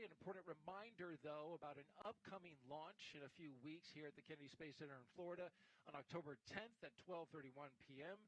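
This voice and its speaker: Higher-voiced American man hosting live broadcast. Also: a bit bright, no echo, rough recording. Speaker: launch broadcast host. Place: indoor broadcast studio desk. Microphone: headset.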